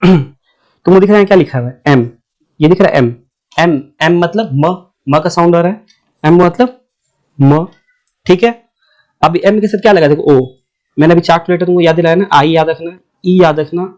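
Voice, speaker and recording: A man teaching English letter sounds in a casual spoken lesson, repeating each sound slowly and often checking that the viewer understands. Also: a little high, a little mellow.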